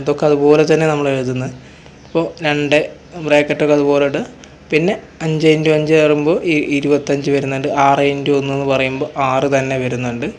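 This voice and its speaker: Male math tutor, somewhat high voice, patient question-and-answer delivery. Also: a little hiss or hum. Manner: asks questions and answers them himself. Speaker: exam coaching teacher. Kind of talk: math lesson walkthrough.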